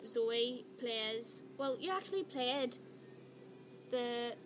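A woman's voice: fairly high pitch, lively intonation, very slow, music in the background. A woman chatting casually in an interview as a play's director. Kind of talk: casual chat. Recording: clearly noisy background ambience.

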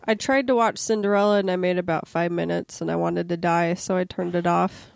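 Woman cohost with some vocal fry, dry close sound, easygoing and chatty. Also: on the low side, steady tone, brisk, no room sound. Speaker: podcast co-host. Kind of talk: casual chat.

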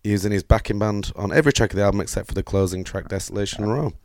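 A man's voice: lowish voice, rapid-fire, dry recording. A man, co-hosting a casual podcast chat and reading through his notes with lots of fillers. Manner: rambling, reads notes aloud with fillers. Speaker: podcast co-host.

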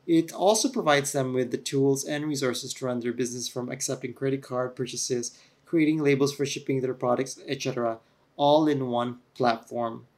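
A man's voice: medium pitch, steady tone, normal speed, a little mellow. A man hosting a solo podcast, explaining steadily in an earnest, lecturing way, recorded on a camera-mounted mic that makes him sound echoey, as if through a tunnel, with some feedback. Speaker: podcast host.

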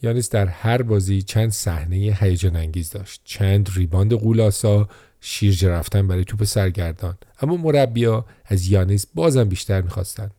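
Low-voiced guy reading an audiobook, mellow and dry, steady pace. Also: no echo. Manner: steady storytelling read. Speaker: narrator. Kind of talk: audiobook narration.

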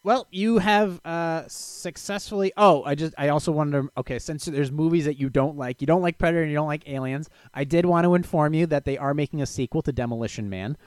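A man's voice: a little high, a little fast, few pauses, darkish tone, dry recording. A man hosting a podcast in a casual, chatty style, close on the microphone. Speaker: podcast host. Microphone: close studio microphone.

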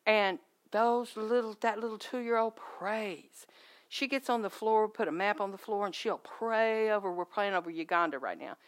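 Middle-aged woman telling church stories, animated, does little voices for people she quotes. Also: medium pitch, moderate pace. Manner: lively storytelling, acts out quoted voices. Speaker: guest speaker at a church. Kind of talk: personal testimony.

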